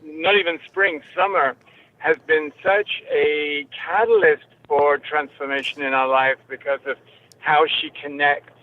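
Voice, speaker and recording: A woman calling in from a moving car over a clipped phone line, talking earnestly and haltingly, with many restarts. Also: deep voice, fairly even intonation. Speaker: caller. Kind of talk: call-in chat. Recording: tinny phone line with road noise.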